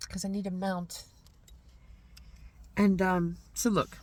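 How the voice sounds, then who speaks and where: A woman's voice: lowish voice, little pitch movement, extremely slow, dry recording, poor audio. A woman vlogger delivering a heated, blunt, profane rant straight to camera. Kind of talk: ranting monologue to camera.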